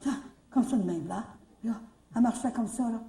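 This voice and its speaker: A Canadian French woman tells stories to a retreat audience, her mellow, fairly high voice carrying into an echoey room. She is recorded from well back, and she often repeats words and climbs into animated exclamations. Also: brisk, gravelly. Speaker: retreat speaker. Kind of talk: storytelling talk. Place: retreat hall. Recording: echoey room, mic far off.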